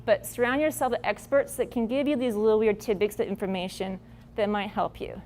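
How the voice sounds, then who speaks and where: A woman's voice: medium pitch, steady tone, fairly quick, a little mellow, slight background noise. A woman presenting farming advice at a workshop in a casual, blunt, folksy way. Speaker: agricultural presenter.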